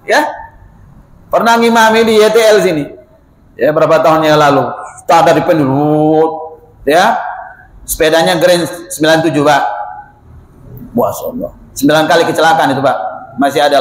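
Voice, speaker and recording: A man's voice: a little high, fairly bright tone. A man preaching a casual, chatty mosque sermon. He keeps addressing the listeners as "sir" and acts out the voices of the people he quotes. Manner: chatty, often ends phrases with "Pak", acts out quoted voices. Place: mosque hall. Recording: echoey mosque hall.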